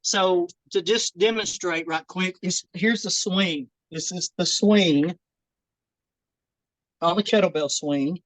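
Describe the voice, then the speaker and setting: A woman's voice: fairly low pitch, takes it slowly, no room sound, poor audio. Winded woman coaching a workout. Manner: encouraging, repeats "keep it simple, guys". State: out of breath. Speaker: fitness instructor. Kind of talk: workout demonstration and advice. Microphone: video call.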